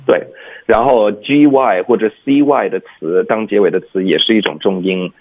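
A man with a low, husky voice calls into a radio lesson like a teacher, his sound thin and tinny over the phone. He goes through pronunciation rules patiently, step by step, speaking at normal speed and often checking in with "OK?".

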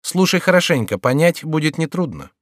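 A man's voice: on the high side, big pitch swings, brisk, no echo, clean studio sound, pitched above the performer's own voice. A man voicing a sardonic male court jester who teases and scolds a king in an audiobook. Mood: mocking.

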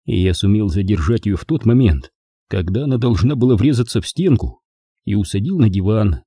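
A male narrator reads a first-person crime story with a husky, mellow voice. His delivery is animated, with pitch moving over a wide range. The recording is dry and close. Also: a little fast, dry recording. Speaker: audiobook narrator.

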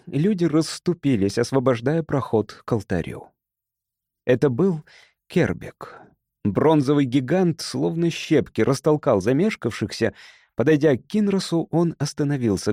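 Guy reading a dramatic adventure audiobook, dark mellow voice, dry close mic. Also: mid-range voice, no room sound. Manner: dramatic, tense storytelling. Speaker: audiobook narrator. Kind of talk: scripted narration.

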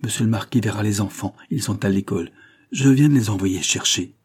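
A man's voice: fairly low pitch, fairly quick, darkish tone, slightly rough. A man voicing an eager, devoted male servant in his forties, talking in effusive exclamations.

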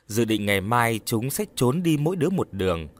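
A man narrating a scripted horror story in a measured, dramatic way. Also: medium pitch, sing-song.

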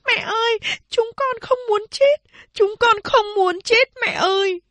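A woman voicing young starving sisters, crying and begging in a very high voice. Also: unhurried, fairly bright tone, dry recording. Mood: sobbing.

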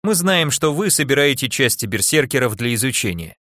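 A man voicing a calm, unflappable male alien ambassador in an audiobook, speaking in a measured, matter-of-fact way. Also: medium pitch, no echo, studio quality.

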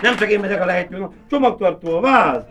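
On a hissy old cassette of a live show, a male cabaret comedian plays a boastful asylum inmate who rambles and keeps buttonholing his listener. His voice sits high and expressive, and the crowd is loud, laughing heavily throughout.

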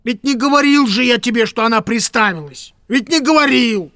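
A woman's voice: fairly high pitch, normal speed, fairly bright tone, no echo, clean studio sound. A woman voicing a fussy, grumbling old male clerk who rambles and stammers in an audiobook reading. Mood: scolding.

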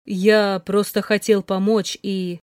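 A woman's voice: mid-range voice, little pitch movement, slow, darkish tone, smooth, no echo, studio quality, natural voice. A woman voicing a composed young man who speaks levelly and without emotion. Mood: flat. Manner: level, unemotional.

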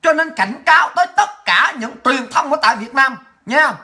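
A woman hosting a political livestream, ranting in fury, hurling insults and often shouting. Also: high-pitched, expressive, normal speed. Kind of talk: angry political rant.

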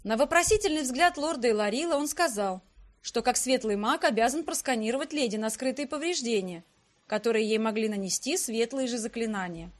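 A woman narrating a first-person fantasy audiobook with expressive, lively reading. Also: fairly high pitch, fairly quick.

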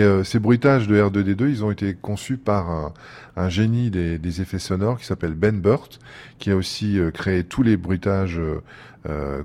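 A man with a very low voice explains in an interview. He hesitates and stumbles over his words. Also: darkish tone. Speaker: film and sound expert.

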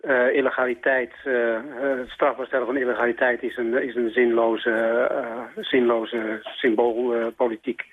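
A man's voice: medium pitch, little pitch movement, unhurried, hardly any pauses, husky. A male radio caller arguing his opinion over the phone, hesitant and full of fillers and restarts. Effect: phone line. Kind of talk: call-in opinion debate. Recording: tinny phone line.

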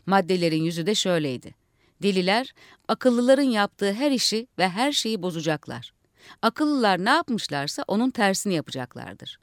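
A woman reading a satirical story aloud for radio, acting out the shouting crowd as she goes. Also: medium pitch, dry recording, studio quality. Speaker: reader. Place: radio studio.

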